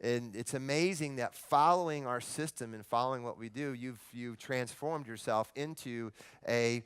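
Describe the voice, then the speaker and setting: A man presenting at a live seminar, telling a story on stage in an animated, emphatic way. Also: medium pitch, normal speed, clear, resonant tone.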